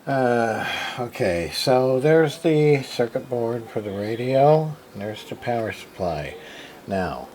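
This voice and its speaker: A man with a mid-range, darkish voice sounds very animated yet speaks slowly, with a little hiss or hum present. Though tired, this hobbyist radio repairer shows off an old radio at his home workshop desk in a casual workbench show-and-tell, thinking aloud with many fillers and restarts.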